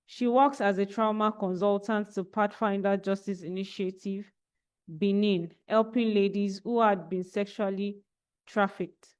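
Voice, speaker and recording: A woman with a Nigerian accent, a barrister, reading a guest speaker's biography aloud in a steady, formal manner on a video call mic. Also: medium pitch, a little slow, smooth.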